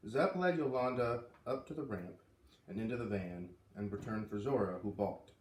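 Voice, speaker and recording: A man with a lowish voice reads a children's storybook aloud at a normal speed for a read-aloud series, expressively and with light acting of the dialogue. He is far from the mic in a roomy space.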